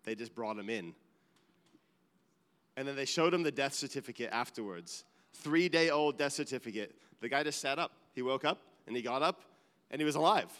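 A man's voice: mid-range voice, animated, normal speed, fairly bright tone, big-room sound. A man preaching a sermon as a pastor, earnest and building to emphatic peaks, with restarts and asides.

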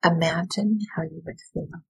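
A woman educator speaking in a soft, soothing, deliberate way with pauses, as if leading a guided visualization, her voice breathy and husky. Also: fairly low pitch, fairly even intonation, dry recording, poor audio. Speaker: educator, workshop leader.

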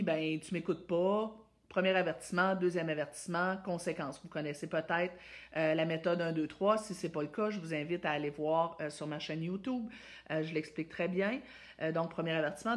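A parenting coach with a Québécois French accent offers advice, acting out examples of parents in high, exaggerated voices.

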